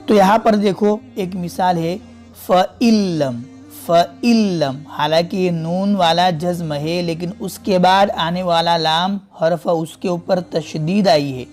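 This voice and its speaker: A man teaching a Quran reading lesson step by step, slowly repeating and drawing out each example word. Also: fairly high pitch, darkish tone. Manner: slow, patient, repeats and stretches out example words.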